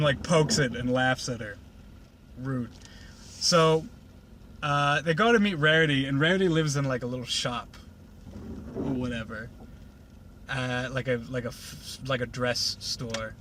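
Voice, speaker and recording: A man's voice: medium pitch, unhurried, pauses often, pushed and bright, slight background noise. A man casually retelling a cartoon episode in a rambling, sarcastic way, full of fillers, while riding in a car.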